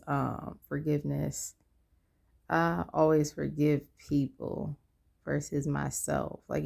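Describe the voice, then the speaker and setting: A woman's voice: low-pitched, creaky, darkish tone. A tired woman in her twenties talking candidly in a personal vlog, rambling and losing her train of thought. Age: 20s. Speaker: vlogger.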